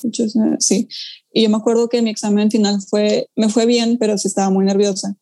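A young woman, a pianist chatting casually and telling stories with lively quoted asides. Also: mid-range voice. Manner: animated storytelling, quick asides and acted-out quotes. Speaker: pianist guest. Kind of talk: casual conversation.

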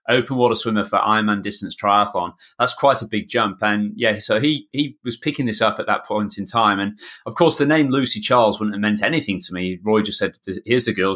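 A man with a broad Yorkshire accent and a fairly low, forceful voice. He hosts a podcast chattily and enthusiastically, spinning out his points as he addresses listeners and guests. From north of England. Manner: enthusiastic, wordy. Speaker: podcast host, swimming coach. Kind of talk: chatty podcast introduction and interviewing.

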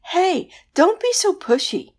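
A woman voicing a vain, touchy female banshee with a whispery, drawn-out wail in a storybook reading. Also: very high-pitched, sing-song, darkish tone, voice pushed up, full character voice. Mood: huffy.

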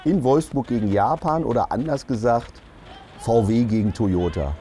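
A man's voice: mid-range voice, moderate pace. A man doing a satirical comedy monologue outdoors, delivering jokes and punchlines. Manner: jokey, punchline delivery with lively swings.

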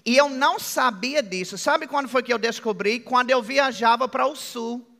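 A middle-aged man with an American accent, preaching a sermon as pastor in a joking, conversational way with drawn-out phrases. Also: very high voice, vocal fry, sharp tone. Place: church hall. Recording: long hall reverb.

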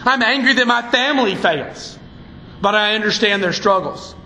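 A man's voice: sits high, normal speed, sharp tone, roomy sound, a little hiss or hum, poor audio. A man preaching a sermon from the pulpit, fiery and emphatic. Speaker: pastor. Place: church sanctuary.

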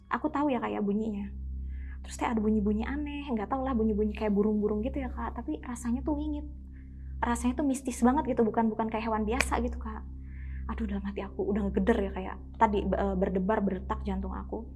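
A young woman with a slightly high voice talks fast, with fairly even intonation and a dark tone, recounting a personal experience in a casual podcast studio. She often speaks directly to her listener and acts out what people said with sudden exclamations. The recording is muffled, with a little hiss or hum.

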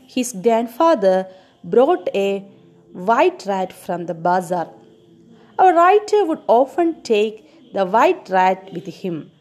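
A woman teacher talks slowly and expressively, her pitch swooping up and down as she retells a story. She stops often to put questions to her students and leans on key words for emphasis. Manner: expressive, quizzes listeners with questions.

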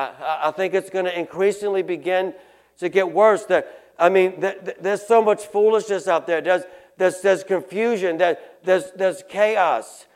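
A man preaching a sermon in an earnest way, often repeating and restarting words, and reading scripture aloud louder and slower. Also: high-pitched. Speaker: pastor.

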